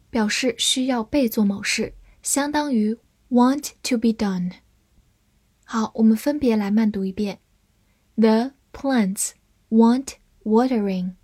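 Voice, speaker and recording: A woman teaching English vocabulary in Chinese, a native Chinese speaker who spells each word letter by letter and repeats it slowly. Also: on the high side, darkish tone, husky, dry recording. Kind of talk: slow, deliberate vocabulary lesson.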